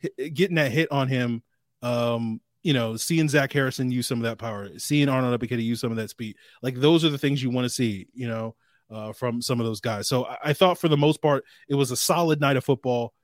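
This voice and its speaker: A man co-hosting a casual sports podcast, talking in a measured way and thinking aloud as he goes. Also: medium pitch, no echo, clean studio sound. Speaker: podcast co-host.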